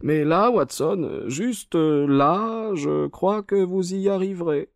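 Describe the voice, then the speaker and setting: An actor playing an ailing, cunning detective in a radio play, whose voice is weak. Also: male voice, high-pitched, slow, creaky, no room sound, studio quality, exaggerated voice. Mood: urgent. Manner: weak voice, commanding when roused.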